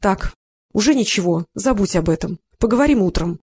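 A reader voicing a frustrated young woman who speaks in a hushed, hesitant way. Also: mid-range voice, expressive, brisk, slightly rough, no echo, studio quality.

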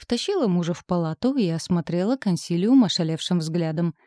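A woman reads a first-person comic audiobook in a lively, storytelling manner. Her voice sits low and warm. The recording is dry and close. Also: a little fast, no echo. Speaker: audiobook narrator.

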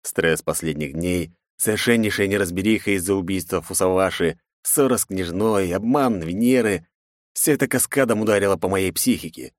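A man's voice: normal speed, no room sound, studio quality. A man narrating a first-person action novel and acting out the dialogue. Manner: voices characters with raised pitch and force. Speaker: audiobook narrator.

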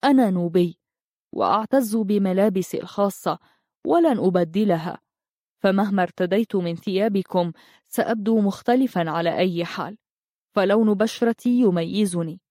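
A woman voicing a gentle, lonely young Nubian man in a storybook, speaking softly and from the heart. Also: medium pitch, moderate pace, no room sound, clean studio sound, natural voice. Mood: heartfelt.

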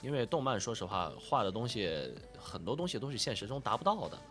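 Talking quickly in a medium-pitched, lilting, slightly bright voice, a guest voice actor answers interview questions about dubbing in a relaxed way. A cold leaves him nasal and congested, and he comes across as humble, poking fun at himself and circling back over his words as he thinks. Soft music plays beneath.

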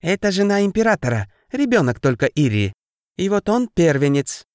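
An emotional young wife who is expecting, voiced by a male narrator in a storybook reading, with a high, lively voice. The recording is close and dry. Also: moderate pace, no room sound. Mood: stern.

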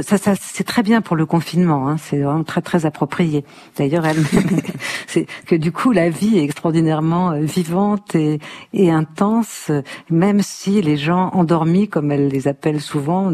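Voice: medium pitch, normal speed, a little mellow. A guest on a radio program, discussing literature with enthusiasm and often stopping to search for words. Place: radio studio.

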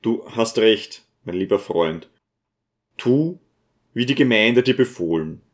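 A man reading an audiobook and voicing a grave, weary old archpriest who speaks slowly and solemnly. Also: mid-range voice, expressive, close to an everyday voice. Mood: resigned. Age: older. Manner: slow, solemn, sighing.

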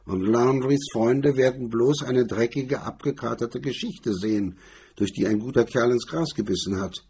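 A man's voice: medium pitch, moderate pace, darkish tone, slight background noise, voice pushed up, lightly acted. A man reading the part of a cool, sneering male blackmailer, in a mocking, condescending tone. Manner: mocking, condescending, hard-edged.

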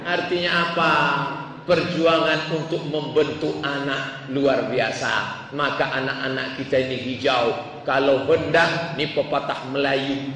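A man preaching a sermon, telling stories and acting out the people in them in an animated way. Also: medium pitch, measured pace. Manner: animated, acts out voices of people in his stories. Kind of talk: sermon with storytelling. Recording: echoey hall, voice from far off, faint noise.

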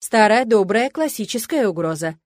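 A man's voice: high voice, brisk, dry recording, close to an everyday voice. A woman reader voicing a cocky, smug young male noble mage, with an ironic, self-assured manner, recorded dry and close. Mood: smug confident.

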